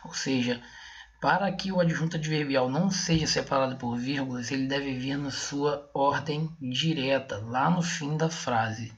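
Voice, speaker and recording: Gravelly Brazilian man teaching grammar. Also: medium pitch, steady tone, unhurried. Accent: Brazilian Portuguese. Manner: explains step by step, with frequent check-ins. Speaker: Portuguese teacher. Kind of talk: online exam-prep lesson.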